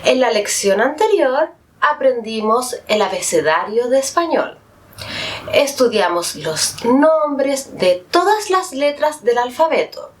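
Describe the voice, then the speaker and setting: A woman from Chile with a Chilean accent gives a pronunciation lesson, high-pitched and melodic. She speaks very slowly, stretching each example word with careful enunciation. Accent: Chilean Spanish. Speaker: Spanish teacher. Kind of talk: slow, clear pronunciation lesson.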